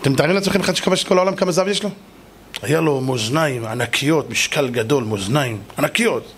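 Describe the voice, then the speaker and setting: A man, a rabbi, telling a story in a lively sermon, slangy and addressing his listeners directly. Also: medium pitch, breathy edge. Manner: animated, slangy, talks to the audience. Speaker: rabbi, preacher.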